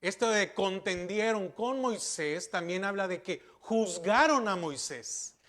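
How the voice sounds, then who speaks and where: Slow-preaching high-voiced man pastor. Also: lively intonation, fairly bright tone. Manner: rhetorical questions, emphatic repetition. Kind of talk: sermon.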